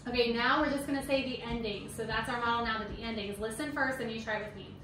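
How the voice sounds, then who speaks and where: A homeschooling mom in her thirties runs a Latin lesson, patiently quizzing her kids and checking in with a quick okay. Her voice sits a little high. She is heard from a distance across a roomy kitchen, with faint noise underneath. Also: steady tone, a bit bright. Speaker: homeschooling mother teaching Latin. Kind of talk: casual teaching at a kitchen table. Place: home kitchen.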